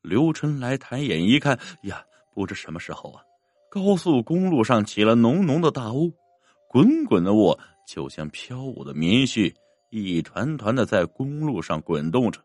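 A man narrating a dramatic story in an expressive, theatrical manner. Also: moderate pace, no echo, soft background music. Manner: expressive, swinging pitch.

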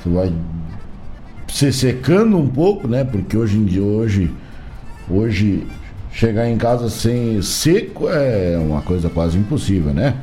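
A man's voice: fairly low pitch, sing-song, unhurried, dark tone, soft background music. A man with a southern Brazilian gaúcho accent hosting live radio in a folksy, casual, colloquial way. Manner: folksy, colloquial, frequent tag questions. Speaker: radio host. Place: radio studio.

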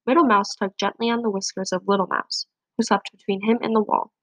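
A woman's voice: mid-range voice, steady tone, fairly quick, a bit bright, dry recording, poor audio. Woman reading a children's storybook. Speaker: storybook reader. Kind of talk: reading a children's picture book aloud.

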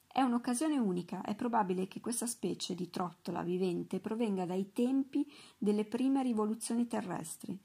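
A woman reading aloud voices an earnest young female assistant who speaks brisk and insistent in a storybook. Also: mid-range voice, creaky, warm tone, breathy edge.

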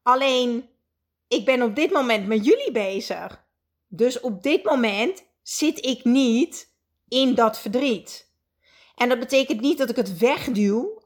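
A woman coach leads a live session in a fairly high voice. She speaks earnestly and reflectively, pausing often with hesitations. She talks directly to the viewers. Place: indoors at home.

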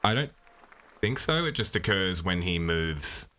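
A man's voice: low-pitched, sing-song, a little slow, pushed and bright. A man playing in a tabletop game, dry and understated. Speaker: player. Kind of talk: tabletop role-play.

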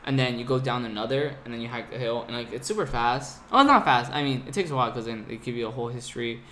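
Talking fast in a mid-range voice, a young Californian podcast guest shares travel stories casually. He's animated, laughs often, and leans heavily on "like." Faint background noise is present.

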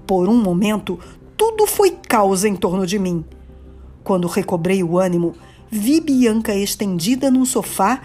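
A woman narrating a romantic story in a slow, expressive reading. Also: mid-range voice, slightly rough. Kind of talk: dramatic reading of a romance novel.

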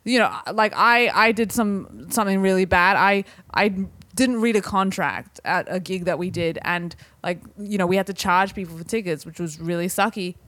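A woman's voice: medium pitch, normal speed, few pauses, a bit bright, no echo. A woman in a casual conversation, talking earnestly and hesitantly with many restarts. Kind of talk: casual conversation about philosophy.

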